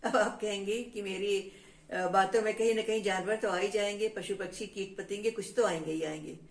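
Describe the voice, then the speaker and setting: A woman's voice: mid-range voice, steady tone, moderate pace. A woman telling a story to children in a teacherly way, addressing them as friends. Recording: roomy echo.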